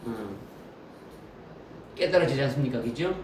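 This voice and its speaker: A man's voice: mid-range voice, lively intonation, measured pace, darkish tone. A man preaching a sermon as pastor, often asking the congregation questions and repeating key phrases. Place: church sanctuary. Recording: roomy echo from a distant mic with faint noise.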